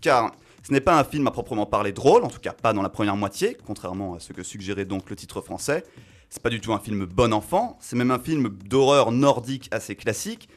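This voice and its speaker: A man's voice: on the low side, animated, brisk. Chatty French radio film columnist, man. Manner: chatty, self-mocking, many fillers and restarts. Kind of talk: casual radio film chronicle. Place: radio studio.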